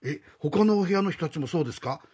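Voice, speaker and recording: Young man renting a flat, polite but flustered, husky and lively in pitch, as a rakugo teller plays him. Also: fast. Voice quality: polite, increasingly exasperated. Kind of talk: rakugo storytelling.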